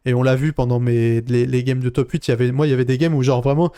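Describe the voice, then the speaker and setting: A man chatting casually on a live stream, recapping his tournament run in a rambling, animated way and answering viewer chat. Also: mid-range voice, fast, smooth, no echo, clean studio sound. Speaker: card game player recapping a tournament.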